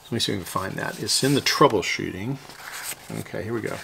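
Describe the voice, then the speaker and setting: This low-quality recording has a little hiss or hum. A Houston-area hobbyist repair host, a middle-aged Texan, talks fast in a lowish, creaky, bright voice with a forceful tone, yet stays folksy and casual, musing and thinking aloud as he explains.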